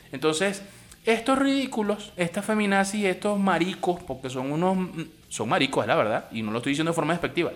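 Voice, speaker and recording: A man's voice: fairly high pitch, a bit bright. A man with a Venezuelan accent hosting a podcast, talking in a crude, scornful and blunt monologue. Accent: Venezuelan Spanish. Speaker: podcast host.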